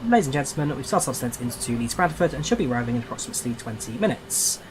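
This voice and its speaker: Airline captain, played by a man, polite passenger cabin announcement, mid-pitched, noisy aircraft ambience. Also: racing, lightly acted. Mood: courteous, informative. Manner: polite, formal scripted phrasing. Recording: steady background noise, cabin ambience.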